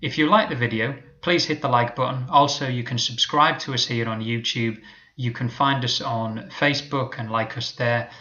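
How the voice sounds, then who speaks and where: A man teaching an English lesson, explaining patiently and modelling example sentences slowly. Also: medium pitch, steady tone, sharp tone, lo-fi sound.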